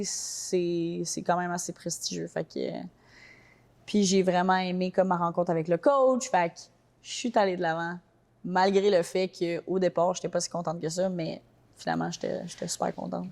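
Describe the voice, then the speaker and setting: A woman's voice: fairly low pitch, fairly even intonation, creaky, darkish tone. A young woman from Quebec with a Québécois French accent, chatting casually in an interview with lots of fillers. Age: young adult. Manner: quick, colloquial, many fillers like "genre" and "tu sais". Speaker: interview guest, soccer player.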